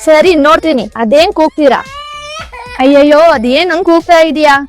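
A woman playing a busy, sharp-tongued mother who scolds her family. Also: high voice, a little fast, close to an everyday voice. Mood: irritated. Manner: scolding, snappy.

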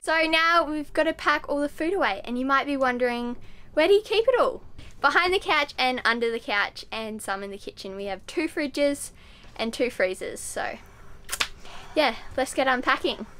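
A woman's voice: high voice, expressive, normal speed. A teenage girl casually vlogging from a sailboat cabin and a car, speaking into a handheld camera held at arm's length and filling her talk with "like". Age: teens. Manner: chatty, filler-heavy with frequent "like". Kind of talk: casual vlog narration. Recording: noisy handheld camera audio.

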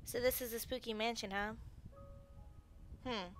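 A woman's voice: a little high, fairly even intonation, a little slow, faint music behind. A young woman playing a video game, talking to herself in an unsure, muttering way as casual commentary. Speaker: game streamer. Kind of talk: casual let's-play commentary.

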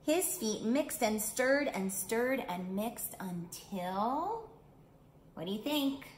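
A middle-aged children's art studio teacher hosts storytime, reading a picture book aloud at a slow pace in a sing-song voice that sits on the high side. She phrases things simply and clearly and asks the young audience questions. The small room is echoey, with background noise clearly audible.

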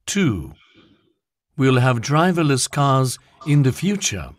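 A man's voice: medium pitch, very animated, slow, no echo, clean studio sound. A man reading a textbook listening track, carefully enunciating each sentence. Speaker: textbook audio narrator.

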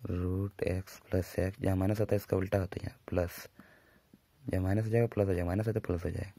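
Male maths teacher, very deep dark voice, flat delivery, dry sound. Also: gravelly, dry recording. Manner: slow, drawn-out dictation of formulas, brisk asides to students. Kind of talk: whiteboard maths lesson.

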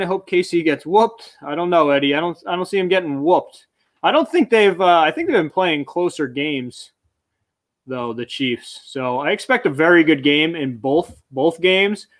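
Hosting a casual auction livestream, a man in his thirties chats and reads viewer comments aloud while moving around a small indoor storage room lined with shelves. His voice is fairly high and a bit bright, and he sometimes wanders farther from the webcam mic on his desk.

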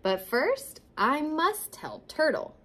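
A woman's voice: sits high, sing-song, slow pace, bright, forceful tone, slight background noise, pitched above the performer's own voice, exaggerated voice. A woman voicing a busy skunk eager to spread news in a storybook read-aloud, calling out eagerly.

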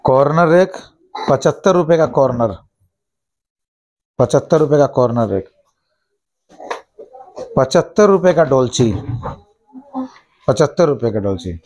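A man in his thirties, a shop owner, listing plastic goods and their prices and repeating each price briskly, recorded indoors on a lapel mic in a small shop office. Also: medium pitch, lively intonation, a little mellow, highs cut off. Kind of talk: product price rundown.

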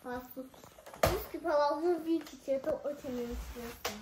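A high-pitched child's voice in an echoey room at home, with loud noise underneath. The child talks haltingly, repeats short phrases over and over while demonstrating things, and sounds casual and unscripted. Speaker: child showing a toy collection. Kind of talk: casual home video demo.

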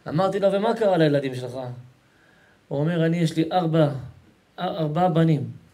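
A man's voice: on the high side, dark tone. A male rabbi preaching a Torah lesson to a live audience, emphatic and repetitive, colloquial and affectionate with the crowd. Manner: repetitive, emphatic, keeps calling the audience to listen.

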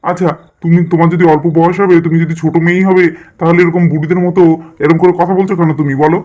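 Fast-talking cartoon son, a man voicing. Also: on the high side, flat delivery, a little mellow, lo-fi sound, close to an everyday voice. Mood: impatient. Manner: rapid, pleading questions. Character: grown son, confused and impatient.

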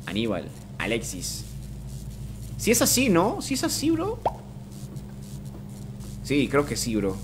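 A man from Colombia with a Mexican-sounding Spanish accent, commentating a live game stream and greeting his chat, prone to sudden excited shouts. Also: mid-range voice, slow, long pauses, noisy background. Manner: excitable, bursts into shouts at scares. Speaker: gaming streamer.

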